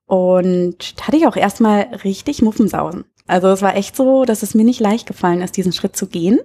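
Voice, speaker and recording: Here the same kind of speaker appears: a Berlin bar owner in her thirties, talking candidly and informally as an interview guest. She has a mid-range, dark voice with a breathy edge, and she speaks briskly.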